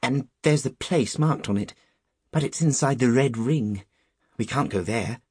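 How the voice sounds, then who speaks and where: A man acts a resourceful schoolboy in a storybook tale. He sounds practical and chipper. The pitch is raised and the recording is dry. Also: measured pace, darkish tone, slightly rough, no room sound. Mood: matter-of-fact. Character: resourceful, matter-of-fact schoolboy Scout. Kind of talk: storybook character voice.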